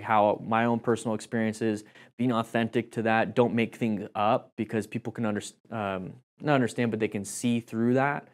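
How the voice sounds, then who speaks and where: A man talks through a casual lesson in an ordinary mid-range voice. His delivery is chatty and meandering, full of "you know" and restarts, like an instructor thinking aloud. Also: medium pitch. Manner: chatty, rambling, with many fillers and restarts. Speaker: motorcycle riding instructor.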